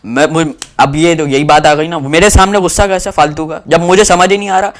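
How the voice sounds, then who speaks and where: A young man from Pakistan, telling a travel story to camera in a rambling, animated way with lots of fillers. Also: on the high side, brisk.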